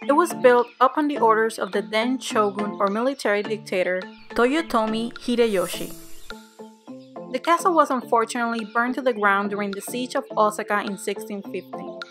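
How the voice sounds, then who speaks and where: Woman, thirties, travel show host narration, slightly high voice, loud music behind. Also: normal speed. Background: background music.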